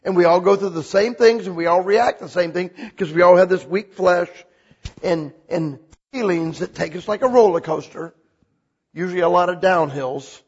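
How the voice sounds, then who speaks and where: A man preaching a sermon in a church hall, animated and casual, mixing jokes into his message. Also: high-pitched, normal speed, husky, dull audio. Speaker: pastor.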